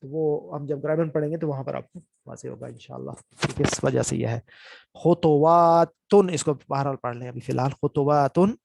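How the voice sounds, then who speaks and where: Man slowly spelling out reading drills. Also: mid-range voice, fairly even intonation, vocal fry, a little mellow. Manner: spells out letters and vowel marks slowly, then speeds up to explain; keeps checking in with "ٹھیک ہے". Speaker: Quran reading teacher. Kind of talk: recorded reading lesson.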